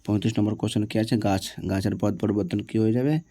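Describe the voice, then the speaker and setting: A man's voice: fairly low pitch, steady tone, fast, dark tone, slight background noise. A man teaching, working through exam answers one by one and often checking with his students. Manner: reads each question, answers it, checks with "ঠিক আছে?".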